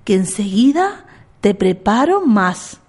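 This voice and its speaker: A woman voicing a gentle mother bear in a storybook, speaking more softly. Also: mid-range voice, very animated, slow pace. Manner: softer, gentle voice.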